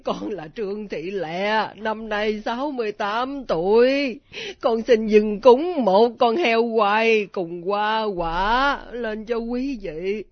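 A woman's voice: fairly high pitch, slow pace, hardly any pauses, no room sound. A woman playing a pious, frantic grandmother in her sixties in a radio drama, praying aloud and wailing in panic. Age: 60s. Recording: dull lo-fi old radio recording.

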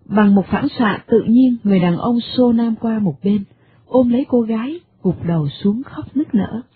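A woman's voice: a little high, moderate pace, slightly rough, no room sound. A woman narrating a radio drama expressively, over a tinny medium-wave broadcast. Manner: expressive storytelling.

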